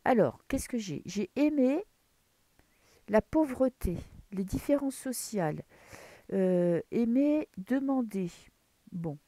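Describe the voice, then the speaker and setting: Reading tarot at home in a dim room early in the morning, a French-accented woman rambles through a casual chat full of fillers and restarts. She speaks slowly in a slightly high, dark-toned voice with lively intonation, and there's no room sound.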